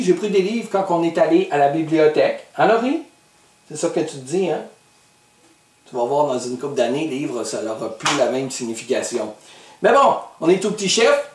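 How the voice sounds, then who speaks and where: A man's voice: a little high, darkish tone, echoey room, recorded from a distance. A man with a Québécois accent hosting a kids' cooking lesson, playful and teasing while patiently guiding a child step by step. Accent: Québécois French. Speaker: host of a kids' cooking show.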